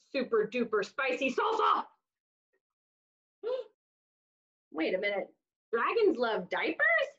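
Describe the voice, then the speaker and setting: Dramatic pauses and over-the-top expression mark this reading: a woman in her thirties with a high voice shares a storybook aloud with young children. She's in a small room, and the recording has the dull, lo-fi quality of webcam audio.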